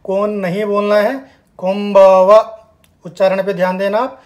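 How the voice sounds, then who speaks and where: Emphatic higher-pitched male language teacher. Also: level tone, darkish tone. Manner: slow, emphatic repetition of words. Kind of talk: spoken language lesson.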